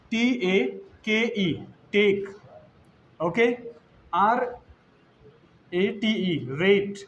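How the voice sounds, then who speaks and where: A man with an Indian accent teaches a classroom English lesson in a fairly high voice. He spells words out letter by letter and asks questions that he then answers himself. A faint hiss sits under the recording. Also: lo-fi sound.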